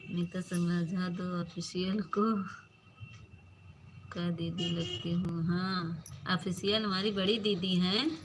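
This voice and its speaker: A woman's voice: fairly low pitch, fairly even intonation, slow pace, long pauses, noisy background. A woman hosting a casual phone live stream, greeting viewers by name and teasingly scolding them. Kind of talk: casual live-stream chat reading comments.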